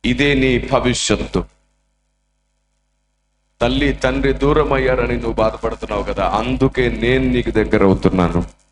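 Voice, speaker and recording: A man voicing God gently reassuring a lonely boy, in a slow solemn way, within a sermon. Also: mid-range voice, steady tone, noisy background, voice pushed down, lightly acted. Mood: tender. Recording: echoey church hall.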